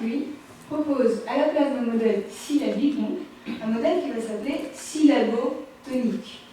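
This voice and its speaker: A woman's voice: a little high, darkish tone, slight background noise. A woman giving a public lecture on literature, explaining step by step with frequent hesitations and self-corrections. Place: media library talk room, live audience. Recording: very echoey room, mic far off, faint ambience.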